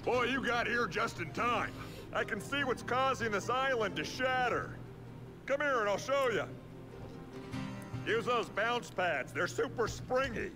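Cocky showy game pilot, really high lively voice, music behind. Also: male voice, measured pace, poor audio. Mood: breezy, excited. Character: brash, showy male adventurer balloon pilot. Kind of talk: video game character acting.

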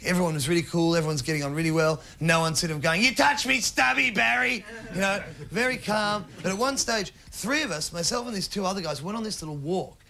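A middle-aged man doing stand-up, telling a rambling story with sudden shouted bits, recorded live on stage. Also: a little high, fast talker, few pauses. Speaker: stand-up comedian. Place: comedy stage before an audience.

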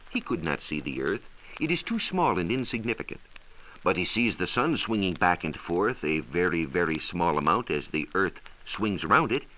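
In a scripted 1940s radio style, an American science reporter explains astronomy in a measured, precise, teaching manner from a radio studio. His voice is low-pitched with a sharp tone, preserved on a hissy, low-quality transcription disc.

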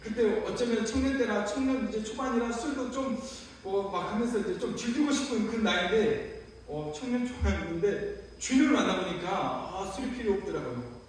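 High-voiced young preacher in echoing church. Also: male voice, animated, normal speed, a little hiss or hum. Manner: heartfelt personal testimony with many fillers. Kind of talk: sermon. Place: church sanctuary. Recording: echoey hall, voice from far off.

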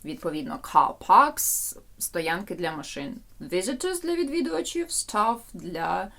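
A woman's voice: lowish voice, moderate pace, gravelly. A woman teaching English to medical students, explaining each term and where its stress falls. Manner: lively, sing-song intonation on the English terms. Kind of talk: recorded lecture.

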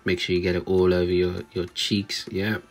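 Low-voiced young man. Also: monotone, moderate pace, soft background music. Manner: narrates step by step. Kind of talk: casual joking voice-over commentary.

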